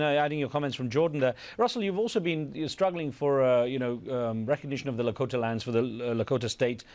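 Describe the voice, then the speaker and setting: A male host running a broadcast interview and bringing in callers briskly. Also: medium pitch, a little mellow.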